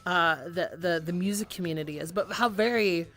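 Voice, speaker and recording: A young woman chatting casually to viewers on a livestream in a cute, bubbly anime-streamer manner, excitable, giggly and rambling. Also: lowish voice, a little fast, faint music behind. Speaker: music streamer, VTuber.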